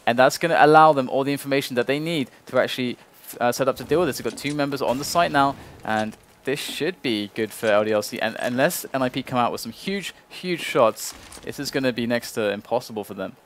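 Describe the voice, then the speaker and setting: Man, esports caster, mid-pitched voice, analytical match commentary, explanatory phrasing, noticeable background noise with clicks. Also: fast, hardly any pauses.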